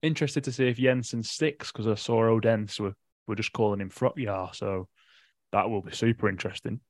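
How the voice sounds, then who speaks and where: A man co-hosting a football podcast, chatting with brief replies and quick asides. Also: fairly low pitch, fairly even intonation, no echo, clean studio sound. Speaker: podcast co-host. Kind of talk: casual football podcast chat. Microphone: podcast microphone.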